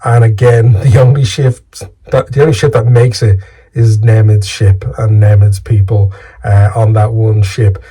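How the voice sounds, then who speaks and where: An Irish man with a dark, relaxed voice and a husky edge. He tells stories casually, as if chatting to his viewers, in an informal storyteller's style. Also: fairly low pitch, measured pace. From Ireland. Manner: casual, conversational, lightly sweary. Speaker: storyteller and video host.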